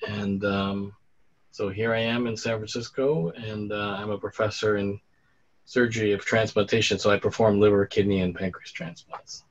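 Surgeon guest in his fifties, low husky voice, dull lo-fi call audio. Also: steady tone, moderate pace. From United States, Boston area. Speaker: transplant surgeon, panel guest. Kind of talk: video call interview. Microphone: computer mic on video call.

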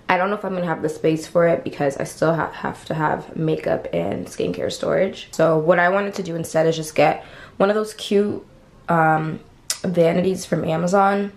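A woman's voice: fairly low pitch, steady tone, moderate pace, creaky. A young woman vlogging casually at home, chatty and emphatic, dropping the odd swear as she talks. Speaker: lifestyle vlogger. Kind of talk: casual vlog chat. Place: indoors at home in a small room. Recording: echoey room, faint home ambience.

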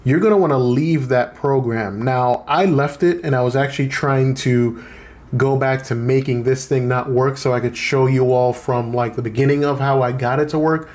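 A man's voice: mid-range voice, steady tone, moderate pace, a little mellow. A man hosting a casual how-to video, talking viewers through a fix in a chatty, informal way with joking asides. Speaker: tech video host.

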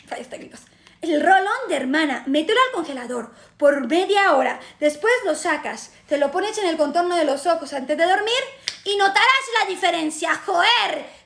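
A woman's voice: very high voice, gravelly, fairly bright tone, exaggerated voice. A woman voicing a peppy female beauty-product saleswoman from a mock infomercial, with a put-on accent from Spain. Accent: Spain Spanish, put on.

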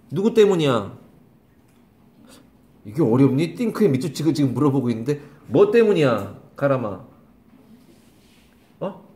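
Lively, high-voiced man teaching a class. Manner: quizzes students by name, scolds and repeats questions. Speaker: English teacher. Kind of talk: classroom grammar lesson. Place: small classroom.

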